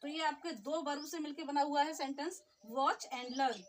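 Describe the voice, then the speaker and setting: A woman teacher, explaining short sentences step by step and repeating each phrase slowly. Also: high voice, fairly even intonation, slight background noise. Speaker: English teacher. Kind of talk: spoken English lesson.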